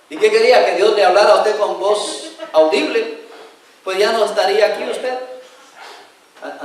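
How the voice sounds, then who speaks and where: A man's voice: high-pitched, heavy reverb, far from the mic, poor audio. A man preaching a sermon as pastor, telling stories animatedly, acting out voices and putting direct questions to the congregation.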